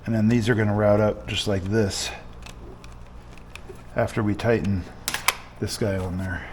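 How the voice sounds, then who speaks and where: A man with a lowish, steady voice talks a little slowly while he works, giving an informal how-to. As a hobbyist mechanic and channel host, he reasons aloud with some hesitation. The recording is noisy, and his voice drifts away from the microphone.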